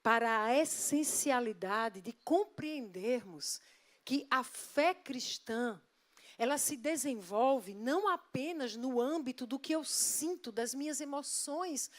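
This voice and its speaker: A woman pastor delivers a sermon in a church. Her voice sits high and clear, and she presses her points with emphatic rhetorical questions put to the congregation.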